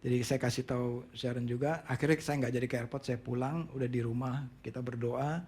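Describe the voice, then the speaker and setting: A middle-aged man preaching a sermon, telling a personal story in an animated way and mixing in English phrases. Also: medium pitch, brisk, breathy edge. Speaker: pastor.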